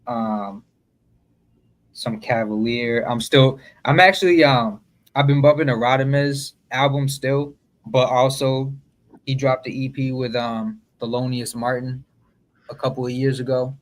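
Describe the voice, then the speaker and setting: A man's voice: medium pitch, steady tone, a little slow, rough recording. A man on a roundtable podcast, casually listing what he's been listening to with many ums. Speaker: podcast co-host.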